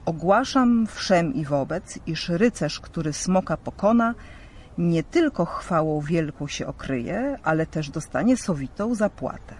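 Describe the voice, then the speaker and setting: A worried storybook prince gives firm, commanding orders, as a man reading a storybook puts him on. The voice sits a little high, with a faint hiss behind it. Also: expressive, measured pace, a little mellow. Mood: proclaiming.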